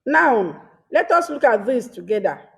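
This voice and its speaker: A woman teaching a grammar lesson, reading each example sentence twice and pausing between short phrases. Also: fairly high pitch, very animated, gravelly. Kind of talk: slow deliberate grammar lesson.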